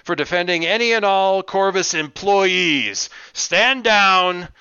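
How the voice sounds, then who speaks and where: A man voicing a stern male security announcer over a bullhorn, loud, barking and clipping into distortion. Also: high voice, slow pace, smooth, no room sound, muffled recording, voice pushed up, heavily acted. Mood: commanding.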